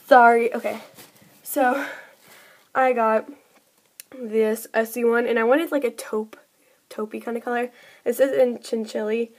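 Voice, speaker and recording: A woman's voice: on the high side, steady tone, unhurried, pauses often. A young woman vlogging at home, chatting casually about her shopping haul, with lots of "like" and little giggly asides.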